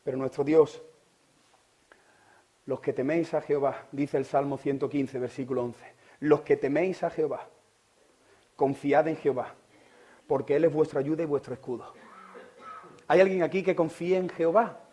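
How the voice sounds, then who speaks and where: Spanish preacher swinging loud to hushed. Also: male voice, fairly high pitch, steady tone, moderate pace, long pauses. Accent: Spain Spanish. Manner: asks the listeners direct questions. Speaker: pastor. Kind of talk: sermon.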